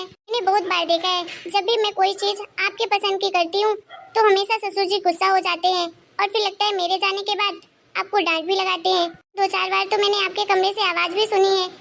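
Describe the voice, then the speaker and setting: A woman acts out a caring, outspoken young daughter-in-law in a cartoon story. She talks earnestly in a very high voice with a gravelly edge. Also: fairly bright tone, slight background noise, full character voice. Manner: concerned, earnest, persistent. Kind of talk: cartoon voice acting.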